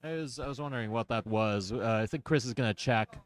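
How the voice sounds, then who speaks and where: A man's voice: medium pitch, brisk. A man commentating a card game in casual chat, wry and self-deprecating, talking through each play.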